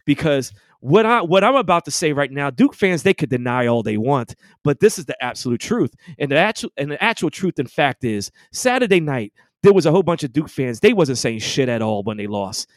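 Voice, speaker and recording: A man's voice: a little high, sing-song, brisk, hardly any pauses, no echo, clean studio sound. A man hosting a podcast, ranting in a casual, gloating and heated way, full of profane trash talk. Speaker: podcast host.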